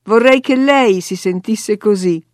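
A woman's voice: mid-range voice, measured pace, no room sound, studio quality, lightly acted. A woman voicing a sickly, spiteful boy who whines and taunts in a sing-song way, in a read-aloud story. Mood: sulky.

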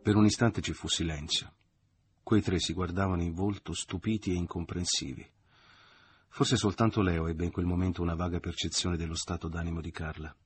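A man reading a literary novel aloud in a measured storytelling manner. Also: low-pitched, steady tone. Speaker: audiobook reader. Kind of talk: literary audiobook narration.

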